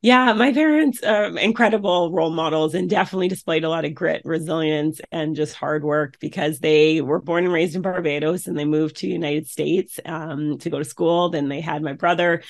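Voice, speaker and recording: Earnest woman guest, gravelly edge. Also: deep voice, normal speed, hardly any pauses. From Canada. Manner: earnest, many restarts. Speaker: guest, entrepreneur and soccer coach. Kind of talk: casual interview answers.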